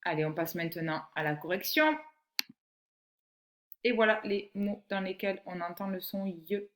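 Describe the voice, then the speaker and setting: A woman teaching a phonics lesson to young children, reading words slowly and clearly and encouraging the child. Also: mid-range voice, fairly bright tone. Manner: encouraging, addresses the child directly. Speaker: primary school teacher.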